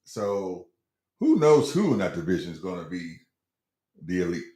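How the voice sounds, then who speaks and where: Middle-aged man with lively pitch, roomy echo. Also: moderate pace. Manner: hedging, stumbles and repeats words, tells anecdotes. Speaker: sports talk show co-host. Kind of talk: casual sports chat.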